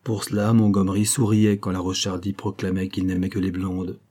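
A man narrating a classic novel as an audiobook, reading in measured, phrase-by-phrase delivery. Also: sits low, little pitch movement, mellow.

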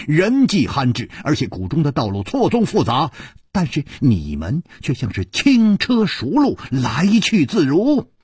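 A man voicing a calm, clever male swordsman hero who reasons things through with small scoffs. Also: mid-range voice, slightly rough, no room sound, clean studio sound, pitched above the performer's own voice, exaggerated voice. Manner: measured, reasoning, with little scoffs.

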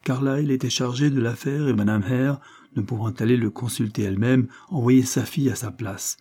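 A man's voice: medium pitch, fairly even intonation, normal speed, slightly rough. A man voicing a callous aristocratic seducer, speaking in a sneering, offhand way. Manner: sneering, offhand delivery, raised and loud.

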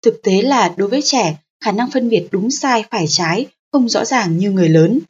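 A woman narrating a parenting audiobook in a calm, steady, explanatory manner. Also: mid-range voice, normal speed, breathy edge, highs cut off.

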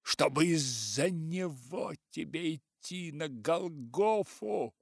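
Guy putting on a shouty old writer, preachy and whiny, pushed way up high, dry close sound. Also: animated, gravelly, no echo, exaggerated voice. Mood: indignant shouting. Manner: loud, preachy, slow and insistent. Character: shouting, self-righteous old male writer.

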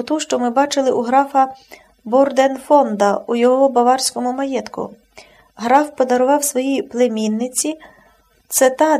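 A woman narrating an audiobook in an expressive, measured reading. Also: high-pitched.

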